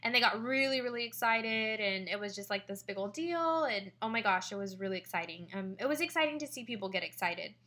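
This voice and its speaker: A young woman chatting to camera about a party she hosted, excitable and full of fillers. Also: medium pitch, fairly quick, hardly any pauses. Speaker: direct sales consultant sharing party tips. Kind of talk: casual vlog monologue.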